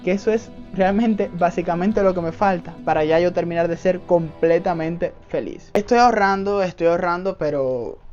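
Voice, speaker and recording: A man's voice: high-pitched, normal speed, hardly any pauses, a little mellow. A young Cuban man with a Cuban accent, casually answering viewer questions in a vlog, earnest and emphatic and often calling his viewers family. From Cuba. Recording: dull lo-fi audio with faint background music.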